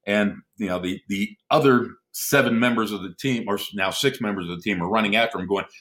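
A middle-aged man, a former airman, telling lively anecdotes in a casual conversation and chuckling often. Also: lowish voice, brisk. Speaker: podcast guest, former military airman.

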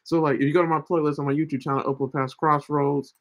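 Brief: man, early 30s, slightly high voice, casual ministry livestream host, rambling and friendly-paced. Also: flat delivery, fast. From United States. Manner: chatty, repeats himself, keeps asking "right?".

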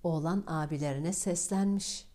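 A woman narrating a fairy tale in a calm, measured reading. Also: sits low. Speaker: storyteller.

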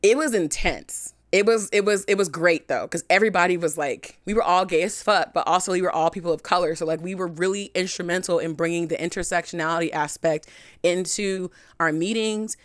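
Frank, chatty young woman, lowish voice. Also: brisk, no echo, studio quality. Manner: frank and chatty, heavy use of "like", animated swings in pitch. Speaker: podcast host. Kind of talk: candid personal storytelling.

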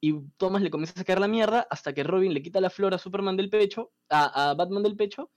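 A man retells a comic story in a casual chat, animated and full of swearing. His voice is fairly high for a man. The sound is a little dull and lo-fi. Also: fast talker.

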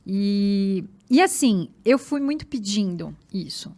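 A woman with a Brazilian Portuguese accent, a guest and marathon runner, telling her story in an animated, emphatic way and often repeating words. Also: medium pitch, slow. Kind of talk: personal storytelling in conversation.

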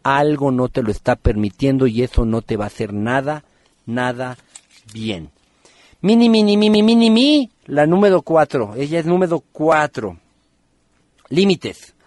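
A man's voice: medium pitch, expressive, unhurried, a little mellow, no room sound. A man hosting a radio podcast, giving live numerology readings and firing teasing questions at listeners by name.

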